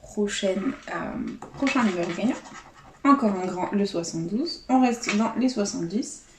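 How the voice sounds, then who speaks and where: A woman's voice: medium pitch, moderate pace. A woman vlogger giving casual running commentary to her viewers, chatty and steadily calling out letters and numbers. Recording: roomy echo, faint background noise.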